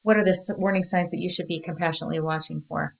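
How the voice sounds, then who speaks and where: A woman presenting a training workshop in an earnest, measured way, speaking steadily to her audience. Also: lowish voice, fairly even intonation, gravelly, rough recording. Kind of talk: prepared training talk.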